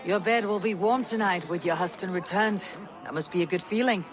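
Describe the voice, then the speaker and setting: An actress voices a loyal, steadfast Viking warrior woman in dramatic video game cutscene dialogue, sounding direct, wry, and friendly. Her delivery is brisk and natural at a medium pitch, with a crowd audible in the background.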